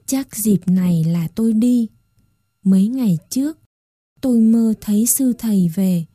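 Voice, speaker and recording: A woman's voice: mid-range voice, measured pace, warm tone, no echo, studio quality, lightly acted. A woman reading a story aloud and voicing a frail, sick old grandmother who speaks weakly through tears. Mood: frail, tearful. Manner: weak and tearful.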